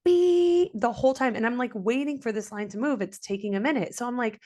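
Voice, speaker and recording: A young woman co-hosting a podcast, telling a story in casual chat, animated and swearing freely as she acts out what people said. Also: a little high, quick pace. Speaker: podcast co-host.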